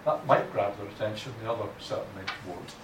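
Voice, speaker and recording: A Scottish man lectures on academic writing in a blunt, informal way, frequently restarting his sentences. His voice is lowish and a little fast, and the recording is noisy, captured from far off in an echoey room.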